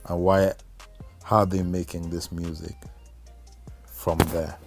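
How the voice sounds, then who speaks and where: A man's voice: low-pitched, little pitch movement, slow pace, soft background music. A man with a Kenyan accent talking casually and reflectively as a guest musician in an interview.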